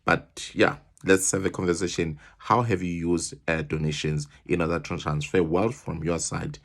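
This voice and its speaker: A man with a very deep voice speaks as a financial advisor in an explainer talk. His tone is husky, with plenty of gravelly fry. He speaks directly to the listener and puts questions to them. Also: fairly even intonation, normal speed, a bit bright.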